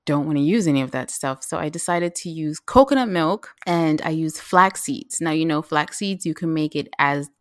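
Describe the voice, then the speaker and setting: Low-voiced chatty woman, dry sound. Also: dry recording. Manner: animated, talks fast with restarts and fillers. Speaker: guest, vegan home cook. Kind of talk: casual interview chat.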